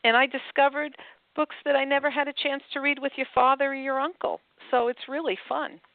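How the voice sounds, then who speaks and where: An older woman with a gravelly, creaky voice reads a children's book aloud, her pitch leaping up and down. She sounds thin and boxed-in, as if over a phone line, with no room echo at all. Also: brisk. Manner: animated storybook reading with wide pitch swings. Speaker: author and host. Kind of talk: reading a picture book aloud, then chatting. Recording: tinny phone-like line, dry.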